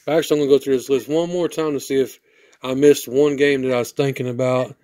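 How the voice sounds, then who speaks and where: Hoarse man with a flat, rambling voice. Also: medium pitch, quick pace, dry recording. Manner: rambling, flat delivery with restarts. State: hoarse from sinuses. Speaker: product reviewer. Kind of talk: casual video review.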